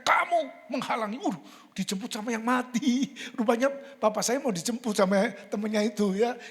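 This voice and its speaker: Pastor in his sixties, echoing church hall. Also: mid-range voice. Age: 60s. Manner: lively storytelling, often laughing, acting out quoted dialogue. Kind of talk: sermon. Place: church sanctuary. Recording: long hall reverb in a church.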